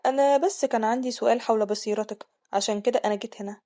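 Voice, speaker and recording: A woman with an Egyptian accent voicing a young crown prince who muses in a flat, contemptuous tone. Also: on the high side, racing, lightly acted. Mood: cold, probing. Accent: Egyptian Arabic.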